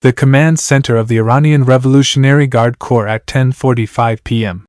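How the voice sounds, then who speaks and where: An Iranian man narrates his own novel as flat audiobook narration, in a steady, brisk, slightly mellow mid-range voice. The dry booth recording has no echo, and he reads every character plainly in the same voice, announcing each speaker's name.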